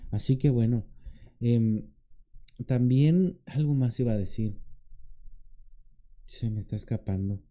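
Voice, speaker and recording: A man preaches in a loose, conversational way, checking in with his listeners and pausing to act out quoted pleas in a raised voice. His tone is deep and very dark. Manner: conversational preaching, often asks the congregation questions and tags "¿verdad?"; acts out quoted pleading in a higher voice. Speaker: deacon. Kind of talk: sermon.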